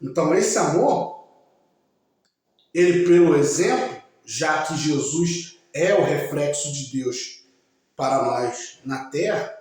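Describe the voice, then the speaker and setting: Guy preaching slow and emphatic, kinda high voice, talks right to you. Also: lively intonation, darkish tone. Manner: slow, emphatic, addresses listeners directly. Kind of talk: religious talk. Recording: very echoey room.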